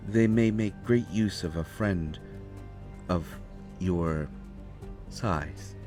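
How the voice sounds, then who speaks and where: A man voices an ancient vampire in a scripted immersive audio roleplay, his voice very deep and slow. The character is courteous and knowing, speaking softly and gravely in formal, measured, deliberate phrases. Faint music plays behind a roomy echo.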